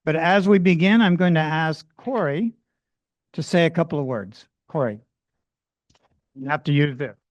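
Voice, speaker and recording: A man's voice: a little high, no room sound, highs cut off. A man introducing a film screening and panel at a public library event, speaking earnestly and thanking many helpers. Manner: measured, earnest speech with long lists of thanks.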